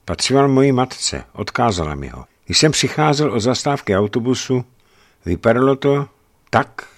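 A man's voice: mid-range voice, lively intonation, voice pushed up. A man reading an audiobook, voicing a distraught young husband who confesses earnestly. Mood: pained.

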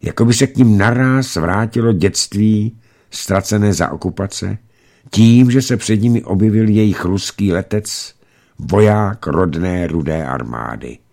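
A man reading a novel aloud as an audiobook narrator, in a measured, expressive way. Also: fairly low pitch, creaky.

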